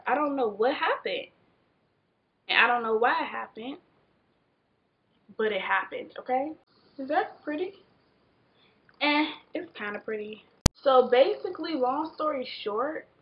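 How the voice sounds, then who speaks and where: A woman's voice: a little high, muffled recording. A tipsy American woman in her twenties, rambling drunkenly and animatedly in a casual storytime chat, often losing her thread. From Washington, D.C., United States. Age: 20s. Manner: animated exclamations and drawn-out words. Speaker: vlogger. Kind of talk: casual storytime chat while doing makeup. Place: small bedroom, indoors. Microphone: camera a short distance away.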